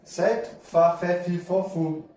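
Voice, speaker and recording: Brazilian male literacy teacher, slightly high voice, drawn-out syllables, recorded off-mic. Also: dark tone, distant mic. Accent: Brazilian Portuguese. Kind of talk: slow spoken lesson, sounding out syllables. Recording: echoey room, voice off-mic.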